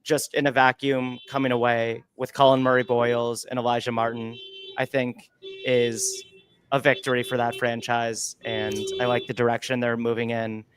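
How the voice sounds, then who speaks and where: A man's voice: medium pitch, level tone, moderate pace, background noise. A man co-hosting a livestreamed podcast, giving upbeat, analytical draft takes into a close microphone. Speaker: podcast co-host.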